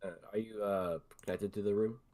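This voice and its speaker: Super deep guy, mellow, mumbly, just chilling as a player. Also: flat delivery, fairly quick. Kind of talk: casual chat during a tabletop game.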